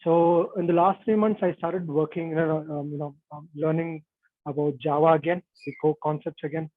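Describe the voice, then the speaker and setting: A man's voice: a little high, fairly even intonation, normal speed, no room sound. A man, heard over a bad video-call connection, talking hesitantly with many fillers as an interview guest. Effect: bad connection, narrow phone-like call audio. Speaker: interview guest, software tester. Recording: tinny, dry video-call line.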